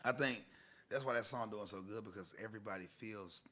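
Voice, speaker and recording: A man's voice: on the low side, fairly quick, sharp tone. A young adult man hosting a casual chat, teasing and playfully pushy with his questions.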